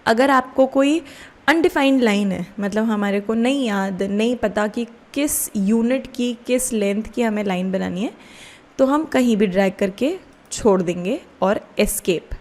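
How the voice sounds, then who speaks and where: In a fairly high, unhurried voice, an Indian-accented woman teaches software one step at a time. She keeps the instruction casual and checks in often with questions.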